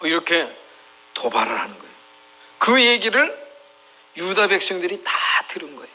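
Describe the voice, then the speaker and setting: A man's voice: high-pitched, big pitch swings, moderate pace, bright, forceful tone, low-quality recording. A middle-aged male pastor preaching a sermon, emphatic, retelling scripture with acted quotes.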